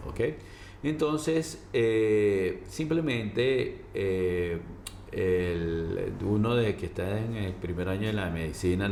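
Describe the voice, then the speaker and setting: Casting: male doctor as interview guest, deep voice, halting explanatory delivery, roomy sound. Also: vocal fry, a little mellow. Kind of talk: informal medical explanation in an interview. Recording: roomy echo, faint background noise.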